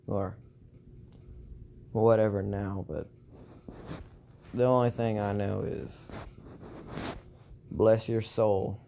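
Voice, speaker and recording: A man voicing a solemn, determined young male soldier hero, speaking in earnest, halting phrases. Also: on the low side, fairly even intonation, vocal fry, dark tone, a little hiss or hum, heavily acted.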